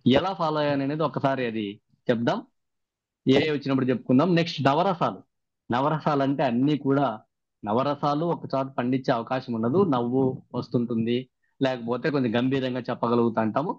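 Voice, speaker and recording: A man's voice: medium pitch, steady tone, fairly quick, darkish tone, no echo. A man, the trainer of a workshop, recaps the sessions and keeps putting questions to the participants over a video call. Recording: dry, muffled video-call audio.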